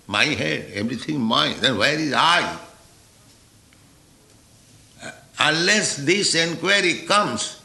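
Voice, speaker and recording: Male spiritual teacher, slow and deliberate, forceful gravelly voice, roomy echo. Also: mid-range voice. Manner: deliberate, with rhetorical "huh?" checks. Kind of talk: philosophical lecture.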